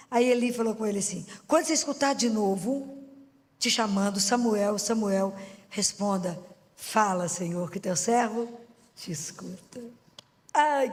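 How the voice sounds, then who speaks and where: A woman gives a casual faith talk in a church hall, where a long reverb trails after each phrase. She tells stories animatedly, acting out the voices of the people in them and drawing her listeners in with questions. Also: on the high side. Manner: lively storytelling, acts out voices, asks the audience questions. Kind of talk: informal religious talk.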